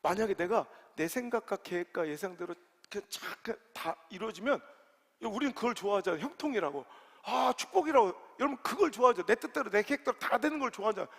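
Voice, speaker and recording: Middle-aged male pastor, high gravelly voice, loud excited outbursts then hushed asides, long church-hall reverb. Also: quick pace. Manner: swings from loud, excited exclamations to quiet, low confiding. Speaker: senior pastor. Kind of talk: animated storytelling sermon. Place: large church sanctuary.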